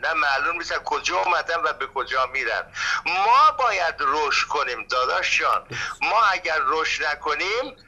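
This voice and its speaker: A man's voice: fairly high pitch, pushed and bright. An Iranian man from Saveh in his sixties, phoning in to a radio show and giving a heated, lecturing opinion, calling the host "brother". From Iran (Saveh). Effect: caller's voice over a phone line. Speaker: radio call-in caller. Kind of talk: impassioned call-in opinion.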